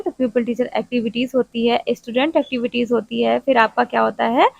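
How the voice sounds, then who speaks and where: Woman tutor, exam-prep lecture, high voice, dry close sound, slow read-out definitions. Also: gravelly, dry recording. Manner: mixes Hindi with English terms, reads English definitions out slowly; repeats a check-in tag after each point. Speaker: teacher-training tutor. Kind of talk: exam-prep lecture explaining teaching steps.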